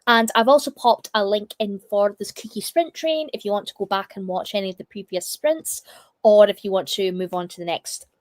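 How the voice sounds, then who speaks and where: A young woman chatting casually on a livestream, rambling with plenty of fillers. Her voice is a touch croaky from a lingering cough, and the close recording sounds dry with no room around it. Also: medium pitch, brisk, no room sound. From United Kingdom. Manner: chatty, reads chat comments aloud, many fillers. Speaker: livestream host.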